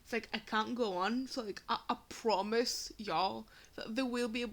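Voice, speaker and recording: A woman's voice: on the high side, fairly even intonation, moderate pace, a bit bright. A woman ranting in a fan vlog, exasperated and swearing, with many fillers and a cracking voice. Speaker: fan commentator.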